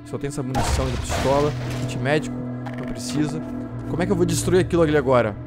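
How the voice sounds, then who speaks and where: A man with a Brazilian Portuguese accent giving let's-play commentary, jumpy and quick to yelp and swear when startled. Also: on the high side, over music. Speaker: gameplay streamer.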